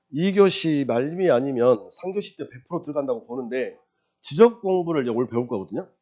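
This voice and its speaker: A man's voice: on the high side, darkish tone. A man teaching a real estate law exam-prep lecture, firing rhetorical questions at the class, answering them himself, and repeating key terms in a singsong drill.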